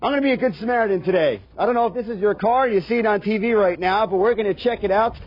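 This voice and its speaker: Speaking very fast in a high voice, a man with a Baltimore accent delivers a live weather report outdoors on a snowy city street. He's out of breath but upbeat and folksy, addressing viewers as folks, and the broadcast audio is dull with faint noise.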